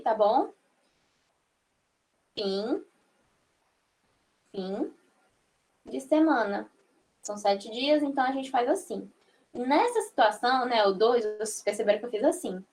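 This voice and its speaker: A young woman with a high, light voice leads an online sign language class at an unhurried pace. She explains each step patiently and keeps checking that her students are following along. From Brazil. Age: young adult. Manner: slow, patient, frequent check-ins with the class.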